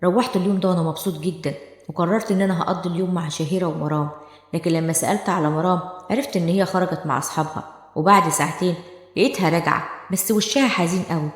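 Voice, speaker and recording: A woman with an Egyptian Arabic accent telling a dramatic first-person story as a steady storyteller, in an echoey room with long reverb. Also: fairly low pitch, rapid-fire.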